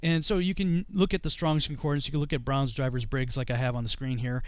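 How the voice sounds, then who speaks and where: A man's voice: medium pitch, steady tone, fast, clear, resonant tone, no room sound. A middle-aged man on a video call from his home study, explaining things in a loose, rambling way with many fillers and restarts. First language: English. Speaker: guest explaining scripture.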